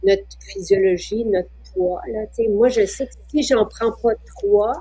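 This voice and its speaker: Husky-voiced Quebec woman hosting. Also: mid-range voice, measured pace, mellow, no echo, poor audio. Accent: Quebec French. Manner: chatty, shares personal habits. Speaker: host of the show. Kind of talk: casual chat, reading viewer questions.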